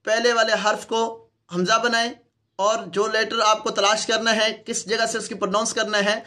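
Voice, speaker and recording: A man's voice: sits high, little pitch movement, sharp tone. A man with a Pakistani Urdu accent, a Quran teacher patiently demonstrating letter sounds for other teachers in a recorded lesson.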